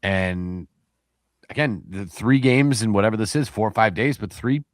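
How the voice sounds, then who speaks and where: Low-voiced man rambling about hockey. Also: moderate pace, no echo, studio quality. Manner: rambling, many fillers and restarts. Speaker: podcast co-host. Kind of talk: casual sports chat.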